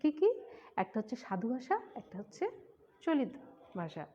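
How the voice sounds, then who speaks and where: A woman teacher from the Khulna region gives a grammar lesson in a fairly high voice. She goes step by step, repeats each point and puts questions to her class. The recording is dull and muffled. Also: very animated, normal speed, dark tone, a little hiss or hum. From Khulna region of Bangladesh.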